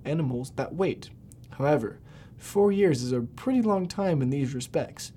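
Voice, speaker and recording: A man narrates scripted podcast facts in a somewhat high, relaxed and mellow voice. He reads aloud and now and then stumbles on a word. A faint low rumble sits behind him. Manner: reading aloud with occasional stumbles. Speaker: podcast host.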